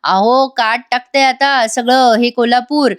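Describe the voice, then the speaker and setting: A woman's voice: a little high, steady tone, unhurried, natural voice. A woman voicing a pushy male builder who bullies and threatens. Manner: scolding, bullying.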